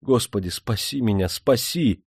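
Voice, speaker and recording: A man acts out a cowardly young nobleman from a storybook, panicky and pleading. His cries ride high above the reader's usual low voice, dry and close. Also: expressive, brisk, darkish tone, breathy edge, dry recording. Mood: panicked.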